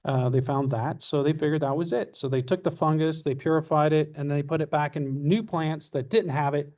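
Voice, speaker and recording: A man giving a lecture as guest speaker, telling anecdotes in an animated way with many fillers. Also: a little high, a little fast. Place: lecture room. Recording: distant from the mic.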